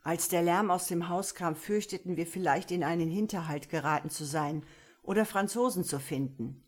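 A woman's voice: on the low side, moderate pace, close to an everyday voice. A woman voicing a firm, commanding young male soldier scout. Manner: firm, commanding, later gentler.

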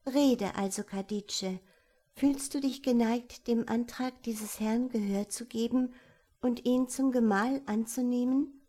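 A woman voicing a courteous, soft-hearted elder sister in a storybook reading. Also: a little high, takes it slowly, voice pushed up. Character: gentle, sensible elder sister, tactful.

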